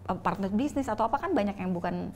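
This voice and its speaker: A woman's voice: mid-range voice, expressive, quick pace, darkish tone. A woman guest telling her faith story in a candid, chatty way, laughing between phrases. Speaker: interview guest. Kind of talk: casual faith testimony.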